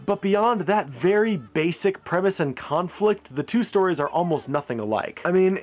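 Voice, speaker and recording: A man narrating a comedic film review with a wry, sarcastic delivery. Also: on the high side. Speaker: video reviewer.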